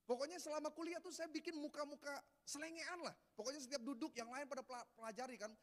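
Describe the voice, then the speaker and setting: A man's voice: very high voice, steady tone, quick pace. A man with an Indonesian accent preaching a sermon as pastor, telling humorous stories in casual slang. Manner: storytelling with humor and laughter, Jakarta slang. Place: church hall. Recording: long hall reverb.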